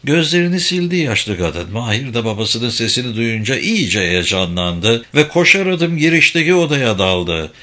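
Bright-voiced male storyteller. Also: mid-range voice, very animated, moderate pace, few pauses. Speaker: narrator. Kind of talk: storybook reading.

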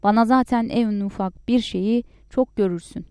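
A woman voicing a sulky, childish peasant husband who shouts back defensively and whines. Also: mid-range voice, steady tone, moderate pace, no room sound, studio quality, natural voice. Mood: whining.

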